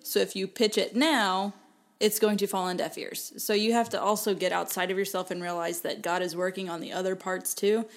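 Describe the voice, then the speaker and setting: A woman's voice: medium pitch, little pitch movement, fairly quick. A woman co-hosting a podcast, giving earnest, encouraging advice in a casual chat. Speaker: podcast co-host. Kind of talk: casual faith-based self-help chat.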